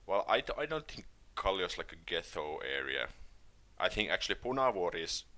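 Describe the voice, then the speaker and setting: A man from Finland with a Finnish accent hosts a casual live stream, answering viewer questions in a relaxed, hesitant manner full of fillers and restarts. His voice is deep and he talks a little fast.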